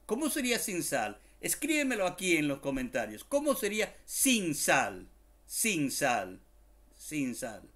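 A man's voice: on the high side, wildly swooping pitch, fairly bright tone. A man teaching an online language lesson, repeating each word several times, spelling it out letter by letter and adding small jokes. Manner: explains slowly, repeats words many times, spells letter by letter, jokes aside.

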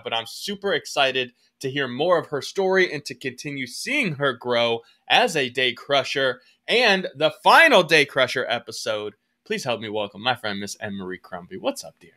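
A man's voice: medium pitch, bright, forceful tone. A man hosting a motivational podcast interview, upbeat and emphatic with hype-man energy. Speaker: podcast host.

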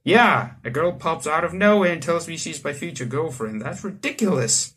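A young South African man, a let's player in a small indoor room, reads a visual novel aloud, adding casual, rambling commentary and joking asides. His fairly high, husky voice is expressive and fairly bright, moving at a normal speed.

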